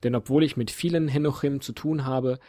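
A man reading a storybook audiobook, voicing a sorrowful, troubled human man with a husky voice and an earnest, questioning manner. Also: medium pitch, fairly even intonation, brisk, warm tone, no room sound, clean studio sound, voice pushed up, natural voice.

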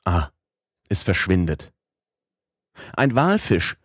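Male reader voicing an elderly professor, husky, raised and urgent, storybook. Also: on the low side, sing-song, measured pace, a little mellow, no room sound, clean studio sound, voice pushed up, heavily acted. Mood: excited. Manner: exclaiming, urgent.

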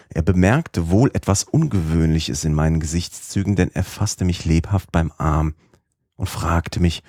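A man narrates a novel in the first person with a very low, deep voice. His storytelling delivery is measured and even. The close studio recording is dry, with no room sound. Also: no room sound. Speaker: audiobook narrator.

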